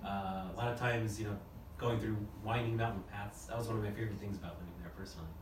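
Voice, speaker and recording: A man's voice: lowish voice, steady tone, fast, a little hiss or hum. A man from New Jersey working as a recruiter, talking in an easygoing casual panel chat, with many uhs. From New Jersey, United States. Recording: echoey room, mic at a distance.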